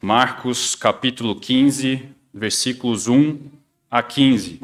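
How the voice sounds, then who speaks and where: A man, a pastor, telling a children's story and then preaching a sermon, with steady, emphatic delivery. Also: medium pitch, slow pace. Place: church sanctuary. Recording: long church-hall reverb.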